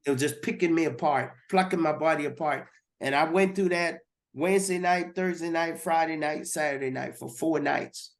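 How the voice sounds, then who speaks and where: A man's voice: a little high, moderate pace. A man giving a personal testimony as a guest, earnest and repeating words as he goes.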